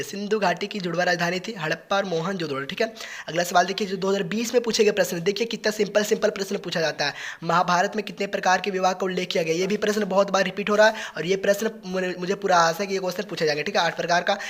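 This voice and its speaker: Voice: medium pitch, a bit bright. An exam-prep teacher runs through revision questions one after another. Each answer is followed by a repeated "okay, next question".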